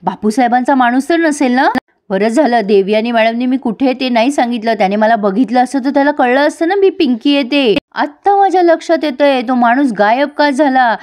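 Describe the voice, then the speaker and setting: A woman's voice: sits high, fairly quick, hardly any pauses, a little mellow. A woman casually retelling a television serial's episode, chatting directly to her viewers. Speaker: serial recap narrator. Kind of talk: casual storytelling recap.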